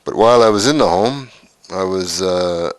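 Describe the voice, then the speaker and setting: A Canadian man in his sixties recalls his life story in a documentary interview, speaking unhurriedly and haltingly with frequent pauses. His voice sits low, and there is a little hiss or hum.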